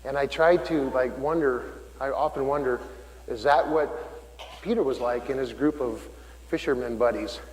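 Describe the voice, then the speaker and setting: A middle-aged man gives a homily in a relaxed, storytelling way, often stopping to restart a phrase. His voice sits at an ordinary pitch for a man. The church around him is roomy, with a long reverb trailing each sentence. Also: moderate pace. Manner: folksy storytelling with frequent restarts. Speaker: deacon.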